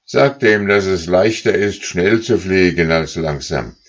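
A stern old lead goose snaps out orders with little patience, as a man acts her out. The voice is husky and curt. The sound is a bit dull, like a storybook read onto an old recording. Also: low-pitched, lively intonation, measured pace, full character voice. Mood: impatient. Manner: impatient, commanding.

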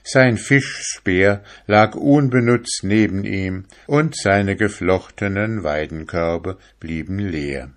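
A man narrating a fairy tale in a calm, measured reading style. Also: low-pitched.

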